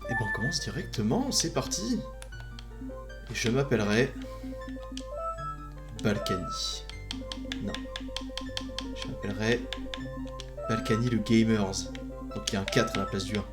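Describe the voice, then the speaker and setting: Male game streamer, lively pitch swings, unhurried, jokey asides, music in the background. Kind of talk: casual live gaming commentary.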